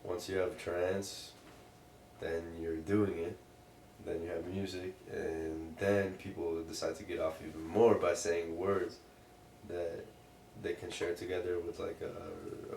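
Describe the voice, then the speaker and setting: A man in a casual interview, rambling loosely and profanely as if drunk, with a gravelly voice. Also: sits low, little pitch movement, measured pace, darkish tone. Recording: roomy, distant mic, faint noise.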